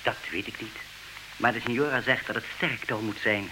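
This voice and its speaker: An actor playing a formal, deferential household servant in an old radio play. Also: male voice, mid-range voice, fairly even intonation, fairly quick, bright, forceful tone, low-quality recording. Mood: dutiful. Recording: hissy old radio recording.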